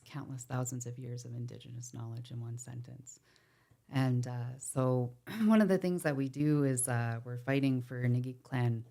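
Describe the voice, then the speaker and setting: On a podcast mic, a very deep, creaky and warm female voice belongs to a guest from Ontario, Canada. She speaks earnestly and passionately about protecting water while slipping in wry asides.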